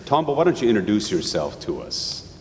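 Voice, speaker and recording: A man with a very low voice leads the interview, asking questions and nudging the guest along with encouraging prompts. The sound has a long hall echo. A faint rumble runs underneath. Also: big pitch swings, brisk. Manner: warm, encouraging prompts and short acknowledgments. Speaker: interviewer, host.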